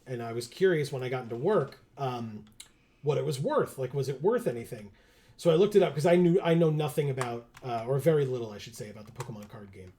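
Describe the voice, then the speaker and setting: A man's voice: mid-range voice, warm tone, slight background noise. A man chatting casually while streaming a video game, rambling with fillers and laughing often. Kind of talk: casual livestream chat.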